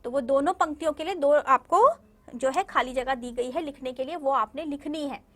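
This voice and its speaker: A high-pitched woman teacher leads a recorded video lesson for small children. She drags out each syllable and repeats words over and over. She keeps checking in patiently to see if they follow. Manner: slow, drawn-out syllable-by-syllable pronunciation drills, repeating words; patient, coaxing, checks understanding with "ठीक है?". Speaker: primary school Hindi teacher.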